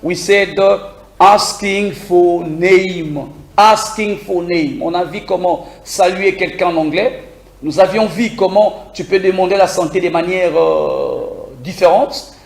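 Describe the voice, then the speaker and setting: A man teaching a beginners' English lesson on air, lively and repetitive, asking listeners to repeat phrases after him. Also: high-pitched, unhurried, reverberant. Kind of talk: live broadcast English lesson.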